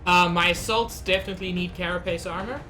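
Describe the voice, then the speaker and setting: Talking anxiously to her chat while streaming a game, this slightly sick woman keeps up a casual, chatty commentary. She speaks fast in a low-leaning voice with a steady, pushed, bright tone, and game music hums faintly behind her.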